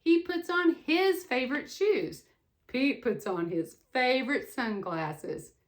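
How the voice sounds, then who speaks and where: An older woman reads aloud in the manner of a sweet, folksy grandma. Her voice sits a little high and moves in very lively swings. She keeps slipping into chatty, affectionate asides to her young listeners, full of expressive exclamations. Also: slow. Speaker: grandmother reading a picture book to children.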